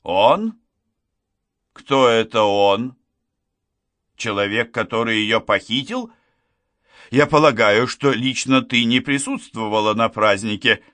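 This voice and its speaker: A man reading an audiobook, voicing a furious, betrayed young woman who accuses and shouts at her friend. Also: mid-range voice, animated, takes it slowly, pauses often, no room sound. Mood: accusing.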